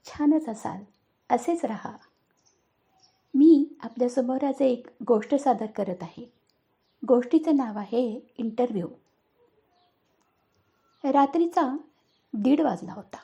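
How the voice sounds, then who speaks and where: Gravelly-voiced woman storyteller. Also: high voice, slow pace, long pauses. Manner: dramatic, expressive. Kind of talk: storybook narration.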